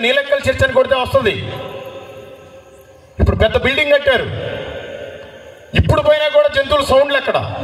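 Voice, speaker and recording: High-voiced man preaching a story sermon. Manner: animated, asks the listeners questions. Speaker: evangelist preacher. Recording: echoey.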